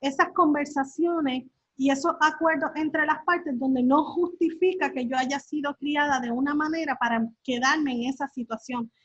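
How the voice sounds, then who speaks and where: Earnest high-voiced woman on a call. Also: steady tone, normal speed, hardly any pauses, a bit bright, dry recording, highs cut off. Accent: Latin American Spanish. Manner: earnest, with many fillers and tag questions. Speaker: workshop speaker.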